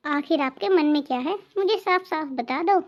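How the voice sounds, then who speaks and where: A young daughter-in-law from a cartoon family drama, voiced by a woman, with a very high, light voice. She stays polite but holds her ground. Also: normal speed, highs cut off, a little hiss or hum, close to an everyday voice. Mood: firm. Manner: polite but firm, answering back.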